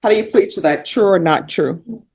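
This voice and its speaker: A woman presiding as judge, asking brisk procedural questions, heard on a courtroom recording. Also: mid-range voice, a little mellow, husky. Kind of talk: presiding over a court hearing.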